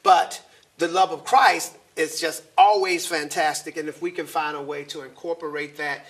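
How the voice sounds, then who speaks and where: A man with a high voice hosts a faith talk show. His tone is bright and ringing. He talks in an animated, preacherly, encouraging way. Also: normal speed. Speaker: host.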